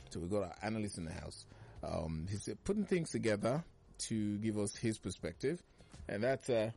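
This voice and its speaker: A man hosting a morning radio show, reviewing the newspapers in a smooth, chatty radio host delivery with playful, drawn-out emphasis on a studio microphone. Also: lowish voice, a little mellow, a little hiss or hum.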